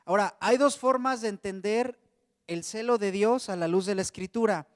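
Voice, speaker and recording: A Mexican man with a fairly high voice preaching a sermon, talking to his congregation in a friendly, conversational way. His voice sits close and dry, with a long reverb tail from the hall around it. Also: moderate pace. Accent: Mexican Spanish. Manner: conversational, addresses congregation as brothers.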